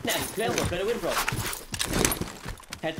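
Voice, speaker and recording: A man with a raised, animated voice chats casually as a gaming teammate. He is slangy and eggs the squad on. Loud game noise and clicks run underneath. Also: high voice, a little slow. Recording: noisy game voice chat.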